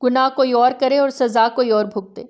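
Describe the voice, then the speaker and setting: Woman reading a defiant young bride, sharp and firm, slightly high voice, storybook reading. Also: steady tone, natural voice.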